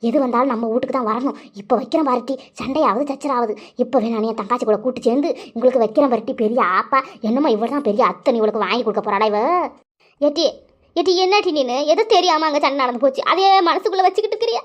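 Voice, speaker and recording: A woman's voice: a little high, fast talker, hardly any pauses, dull audio, close to an everyday voice. Woman voicing a scheming village aunt. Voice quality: scolding, wheedling. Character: scheming middle-aged village aunt, grasping and jealous. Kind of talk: cartoon voice acting.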